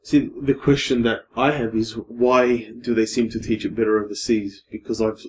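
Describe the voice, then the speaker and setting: An Australian young man, a guest on a casual podcast discussion, speaks thoughtfully and hesitantly, often restarting words and trailing off to a quiet finish. His husky voice is medium-pitched and level, at a moderate pace. The recording is low quality.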